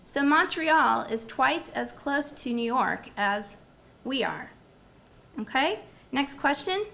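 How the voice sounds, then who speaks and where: Before a live audience at a university symposium, a woman professor moves from her prepared talk into quizzing the crowd, echoing back their answers. Her high-pitched voice is expressive, bright and forceful, slow-paced, with vocal fry.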